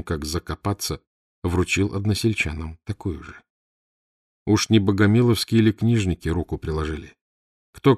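A man reading an audiobook in measured scripted narration, close to the mic. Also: low-pitched, no echo.

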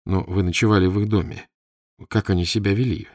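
A man voicing a composed, precise gentleman detective with a slight stammer. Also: low-pitched, fairly even intonation, fairly quick, dry recording, clean studio sound. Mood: tense. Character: calm clever detective, gentleman.

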